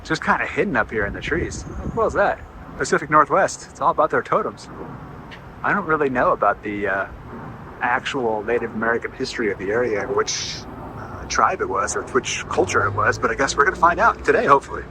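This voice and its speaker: Brisk and expressive at medium pitch, a middle-aged visitor narrates a casual vlog of his walking campus tour, mostly outdoors with some indoor sections. He treats the details with offhand enthusiasm, over a backdrop of traffic and urban outdoor noise.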